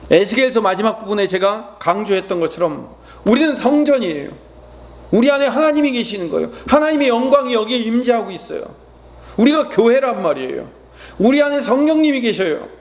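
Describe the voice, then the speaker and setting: High-voiced earnest Korean-speaking preacher. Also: male voice. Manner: earnest preaching with rhetorical questions. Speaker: pastor. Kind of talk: early-morning prayer sermon. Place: church.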